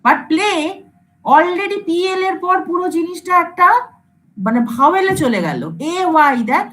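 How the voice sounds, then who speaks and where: High-voiced woman lecturing a class. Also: animated, moderate pace, a bit bright, faint music behind, low-quality recording. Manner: explains by repeating example words, checks if students follow; mixes English terms into her speech. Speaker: computer science lecturer.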